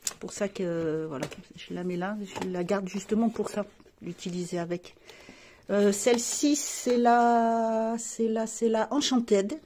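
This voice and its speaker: Woman, beauty vlogger, chatty and rambling, many restarts, mid pitch. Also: steady tone, unhurried, dark tone, slight background noise. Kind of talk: casual chat showing makeup palettes.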